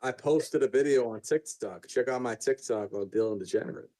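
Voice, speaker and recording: A man's voice: medium pitch, fairly quick, dark tone. A man chatting on a casual voice call, laid-back and crude with lots of slang. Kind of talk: casual chat over a voice call. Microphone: voice call microphone.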